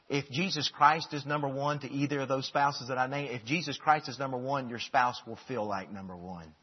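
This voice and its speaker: A man preaching a sermon, emphatic, moving between loud bursts and hushed lines and often repeating words as he restarts phrases. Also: medium pitch, breathy edge. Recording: dull long-reverb hall sound.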